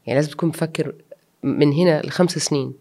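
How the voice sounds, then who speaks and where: Fast-talking woman guest. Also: low voice, dark tone. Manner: earnest, reflective, mixes in English words. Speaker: interview guest. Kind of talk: personal interview.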